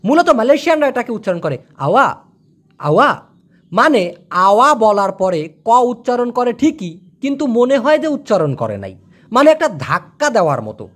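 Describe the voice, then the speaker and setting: A woman teaching a casual language lesson. Her voice sits fairly high and swings widely up and down as she says each word slowly several times over for the listener to copy. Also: big pitch swings. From Bangladesh. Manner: slowly repeats words as pronunciation drills.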